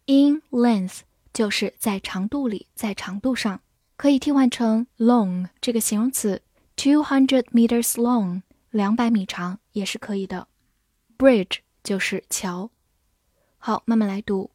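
A woman teaching English vocabulary, spelling words out letter by letter and reading example sentences slowly. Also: a little high, warm tone, no room sound, studio quality. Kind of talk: vocabulary lesson.

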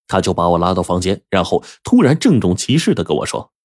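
A man narrating a first-person story for an audiobook in a colloquial, animated way. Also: sits low, a little fast, no echo, clean studio sound.

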